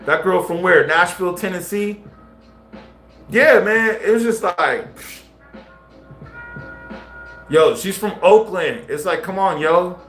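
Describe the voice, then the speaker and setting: A man's voice: high-pitched, takes it slowly, pauses often, fairly bright tone. A man live-streaming casual commentary, talking in slang straight to his viewers. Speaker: livestreamer. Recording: roomy echo with faint music.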